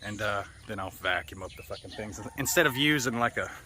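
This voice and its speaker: Fairly quick and animated, this American man's low-leaning voice has a sharp tone as he rambles profanely and offhandedly for a vlog. He's recorded in a yard, and birds, roosters and outdoor ambience make it noisy.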